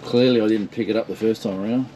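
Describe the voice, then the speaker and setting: A man's voice: on the low side, fairly even intonation, fast, dark tone, a little hiss or hum. An Australian man filming from behind the camera, chatting casually and asking lots of encouraging questions. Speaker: vlog host filming. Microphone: camera held by the speaker.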